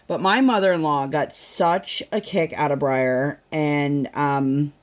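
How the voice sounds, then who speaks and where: A low-pitched, slow-speaking woman, a mother and vlogger, chats casually at home while crafting, telling rambling family stories. She's chatty, uses lots of fillers, and acts out quotes.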